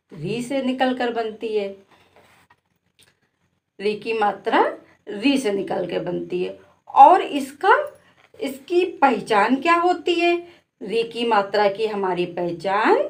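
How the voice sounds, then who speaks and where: A woman with a Hindi accent teaching children to read syllables, repeating each sound and asking it back. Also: fairly high pitch. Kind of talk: slow classroom lesson with call-and-response drilling.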